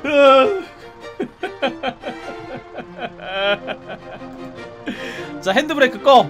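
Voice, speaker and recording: A man streaming a driving game live, talking to his viewers and breaking into excited, repeated shouts. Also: extremely high pitch, normal speed, over music.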